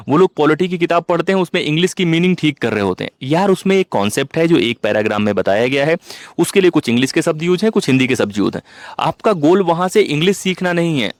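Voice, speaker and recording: A young man lectures exam students at a brisk, rapid clip. He talks to them directly and casually, like a tutor coaching a class. The recording is dry and close, with no room sound. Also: medium pitch, no room sound. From India. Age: young adult. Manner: direct, conversational, addresses viewers as "yaar". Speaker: exam-prep teacher.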